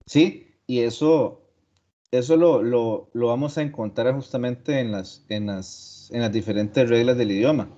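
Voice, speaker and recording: A male teacher lectures in an online class at a middle pitch, a little slow and mellow, working through points step by step, asking rhetorical questions and repeating key terms. The audio sounds dull and lo-fi.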